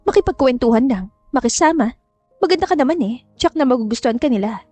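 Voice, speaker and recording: A woman's voice: sits high, animated, fast, dark tone, dry recording, soft background music. A woman doing a cold, scheming mother. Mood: coaxing commands. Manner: curt, commanding, coaxing.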